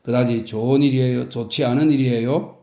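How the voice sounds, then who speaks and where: A man's voice: mid-range voice, steady tone, a little fast, warm tone, lightly acted. A man voicing a fretful, petty middle-aged wife who pouts and coaxes her husband, in a roomy recording. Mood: annoyed. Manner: pouting, coy, slightly whiny. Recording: roomy echo.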